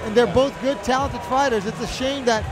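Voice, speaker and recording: High-pitched male fight analyst. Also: a little fast. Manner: emphatic, repeats himself. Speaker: fight analyst, color commentator. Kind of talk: live MMA analysis, conversational. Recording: crowd and music behind.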